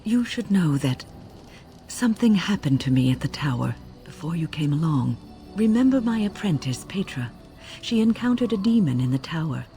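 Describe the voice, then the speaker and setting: Here the same older actress, again a reflective, formal mage woman in a video game, has a deep, dark voice and a very animated delivery. The storytelling stays measured and formal, the mood grave and reflective, with soft background music under the dramatic dialogue.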